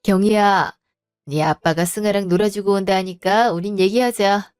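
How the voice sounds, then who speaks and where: A woman's voice: mid-range voice, steady tone, normal speed, darkish tone, clear, resonant tone, dry recording, faint music behind, lightly acted. A woman voicing an older mother who speaks sternly and practically to her daughter and protects her. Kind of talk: storybook voice acting.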